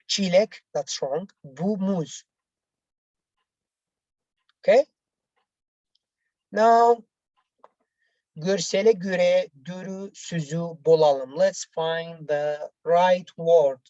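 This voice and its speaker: A female language teacher, not a native English speaker, leads a bilingual lesson, reading out exercises and explaining the answers. Her voice is lowish, soft-edged and mellow, unhurried and halting, repetitive as she goes step by step. The recording is muffled but has no echo.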